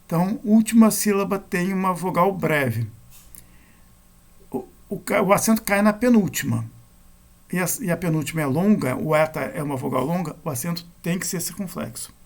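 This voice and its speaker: A man giving a recorded grammar lecture, explaining rules step by step and correcting himself as he goes. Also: a little high. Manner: methodical, self-correcting explanation. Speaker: Greek grammar teacher.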